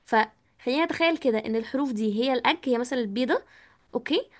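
A woman's voice: on the high side, very fast. A woman with an Egyptian Arabic accent teaching an online English class, patiently explaining and asking students questions, with English words mixed into her talk.

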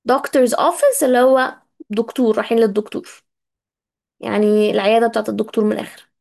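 Egyptian woman, high voice, chatty English teacher who drills words slowly for her class. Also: steady tone, vocal fry, darkish tone. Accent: Egyptian Arabic. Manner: chatty, addresses students directly. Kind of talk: casual live vocabulary lesson.

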